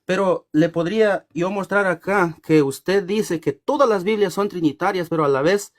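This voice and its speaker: A man in a theological debate, speaking haltingly with many fillers. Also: high voice. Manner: halting, full of fillers and restarts. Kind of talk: theological debate closing remarks.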